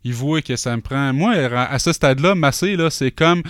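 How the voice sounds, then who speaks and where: Smooth-voiced Québécois man telling a story. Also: mid-range voice, normal speed, dry recording, studio quality. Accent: Québécois French. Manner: animated anecdote-telling with many fillers and asides. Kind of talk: casual chat.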